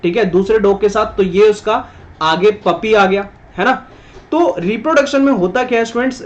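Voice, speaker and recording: A man teaching a science lesson to students, patiently repeating points and checking that they follow. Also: sits high. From India. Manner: patient, repetitive, addresses students as "beta", frequent "theek hai". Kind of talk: online class lecture. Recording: dull lo-fi recording.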